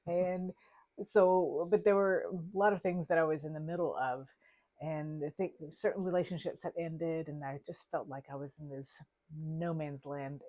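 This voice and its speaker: A woman's voice: low voice, mellow. A woman in her fifties, raised in Denmark, co-hosting a podcast in casual, reflective chat and laughing often. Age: 50s. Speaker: podcast co-host, therapist.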